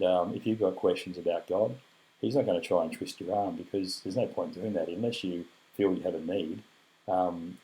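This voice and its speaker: A low, dark-toned male voice comes from an Australian man recovering from cancer. Scratchy and weakened, he offers an earnest, meandering update on video, casual and heartfelt, full of hesitations and gratitude.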